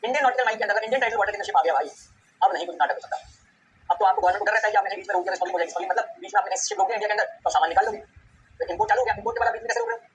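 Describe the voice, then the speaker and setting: A man's voice: high voice, animated. A man teaching customs law in a casual, chatty way, often checking that his students follow. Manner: rapid, chatty, keeps checking "ठीक है?". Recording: slightly dull recording with faint background noise.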